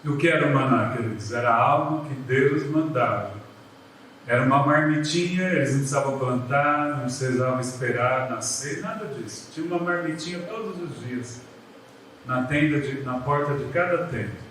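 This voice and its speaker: A man with a Brazilian accent who is a pastor preaching a lively sermon, acting out biblical voices and calling the people "queridos". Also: medium pitch, moderate pace, slight background noise. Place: church sanctuary. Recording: very echoey church hall from a distance.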